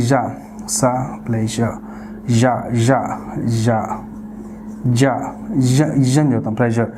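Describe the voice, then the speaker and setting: A woman's voice: very deep voice, noisy background. A woman teaching a spoken English pronunciation lesson, patiently repeating each sound in a drill and explaining it directly to her learners.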